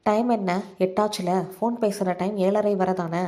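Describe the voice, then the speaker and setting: A woman's voice: medium pitch, steady tone, warm tone, natural voice. Mocking hostel attendant, read by a woman. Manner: mocking, slow.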